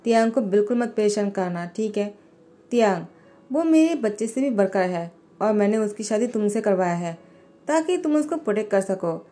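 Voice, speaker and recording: A woman's voice: medium pitch, expressive, moderate pace, warm tone, close to an everyday voice. A woman voicing a protective older brother figure who speaks sternly but with care. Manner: stern, caring.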